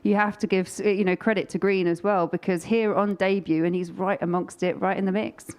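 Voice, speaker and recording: A woman's voice: medium pitch, fairly even intonation, fairly quick, a little mellow, smooth. A woman giving conversational analysis as a sports pundit.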